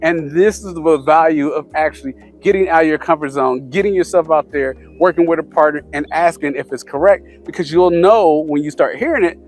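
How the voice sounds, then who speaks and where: A man's voice: on the high side, a little fast, hardly any pauses, darkish tone, soft background music. A man casually giving tips to camera, rambling with many fillers and restarts. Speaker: vlogger sharing language-learning tips.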